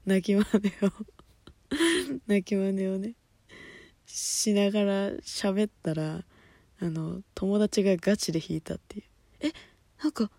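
A woman hosting a solo talk show, chatting casually, laughing often and dropping to soft murmurs. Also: medium pitch, takes it slowly, gravelly, long pauses, no echo. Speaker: podcast host. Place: at home at night.

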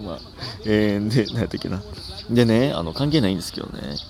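A young man with a Kansai accent, hosting a casual solo comedy podcast, rambling and self-mocking with sudden animated outbursts. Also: fairly low pitch, moderate pace, creaky.

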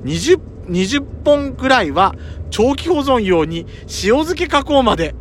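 A man's voice: extremely high pitch, very animated, measured pace, a bit bright. A man with a camp, teasing, auntie-like way of talking, hosting a casual podcast and reading out listener letters. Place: inside a car being driven. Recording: road noise inside moving car. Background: road and engine noise.

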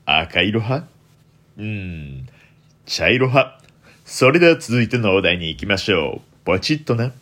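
A young man from the radio-host mold speaks in a deliberately deep, low voice. His pitch swings widely as he delivers polite, formal lines like a smooth late-night announcer, adding theatrical flourishes. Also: big pitch swings, sharp tone. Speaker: host of a solo internet radio show.

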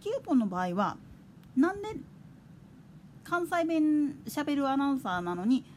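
A woman hosts her own talk radio show alone, her voice high and her pitch swinging up and down. She rambles from point to point in a loose, conversational way, with a faint hiss under the recording. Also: big pitch swings, moderate pace. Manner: chatty, digressive, with soft laughs. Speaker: podcast host. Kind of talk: casual solo chat radio.

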